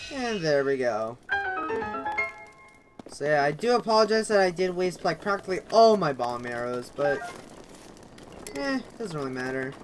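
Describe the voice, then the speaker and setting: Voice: medium pitch, rough recording. A let's play host giving casual, rambling commentary over gameplay, with constant fillers like "actually" and "kind of".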